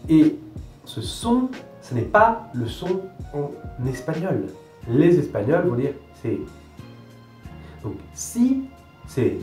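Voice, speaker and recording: A young man from France explains pronunciation to his viewers in a didactic, emphatic way, hammering points home by repeating them. His voice is mellow and relaxed. It is recorded in a roomy, echoey space with soft guitar music underneath. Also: on the high side, slow pace, long pauses. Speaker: language coach. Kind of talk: talking-head language advice video.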